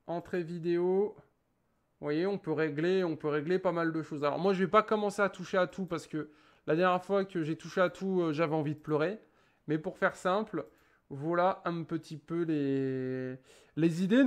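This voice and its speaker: A young man casually reviewing a webcam at his home desk, joking, rambling and swearing as he sets it up. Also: on the high side. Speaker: tech YouTuber. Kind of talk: casual product review vlog.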